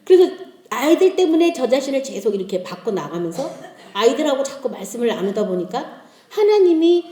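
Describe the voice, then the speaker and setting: A middle-aged woman shares her testimony in an echoey church hall. Her higher voice is warm and mellow and swings widely in pitch as she tells family stories with laughter. She acts out the conversations as she goes. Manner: lively storytelling, acting out family dialogues with laughter. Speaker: lay speaker giving a testimony.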